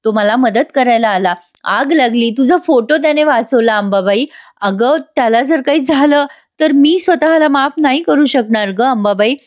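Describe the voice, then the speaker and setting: A woman's voice: high voice, moderate pace, close to an everyday voice. A woman voicing a young wife who prays desperately and emotionally for her injured husband. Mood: pleading. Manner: pleading, emotional.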